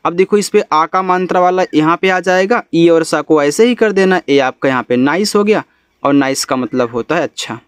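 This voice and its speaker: Man, teacher, spells words letter by letter, higher-pitched, dry recording. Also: smooth, no echo. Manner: spells out letters slowly, then explains in Hindi. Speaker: English teacher. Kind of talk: spelling lesson.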